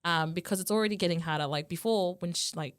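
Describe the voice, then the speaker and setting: Animated laughing woman telling family stories. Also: lowish voice, fast talker. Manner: animated, laughing storyteller who acts out family voices. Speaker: podcast co-host. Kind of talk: casual chat.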